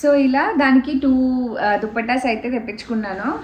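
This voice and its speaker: A woman's voice: high-pitched, fairly quick. A woman chatting casually in a home vlog as she shows off a parcel, slipping English fillers into her talk. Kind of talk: casual show-and-tell vlog. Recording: roomy home room with faint background noise.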